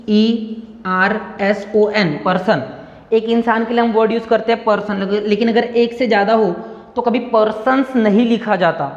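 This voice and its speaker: A man from India teaching English grammar in Hindi, spelling words out letter by letter and repeating key points for his students. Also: sits high. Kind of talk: Hindi-medium grammar lesson. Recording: echoey room, dull lo-fi sound.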